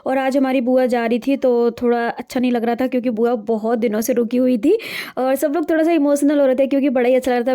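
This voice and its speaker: A woman's voice: a little high, warm tone. A young woman narrating her day in a chatty, diary-like home vlog. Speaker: vlogger.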